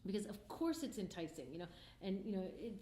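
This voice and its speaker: This middle-aged woman, a filmmaker, speaks fast in a medium-pitched, expressive voice with a dark tone. She answers interview questions earnestly, passionately and conversationally, recorded with a roomy echo and faint background noise.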